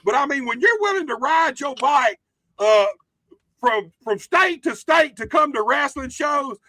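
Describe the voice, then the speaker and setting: Very high, bright, cracking Southern man's voice. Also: expressive, a little slow, no echo. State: voice cracking after flu in the household. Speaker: host of a wrestling interview show. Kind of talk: casual, profane host chat.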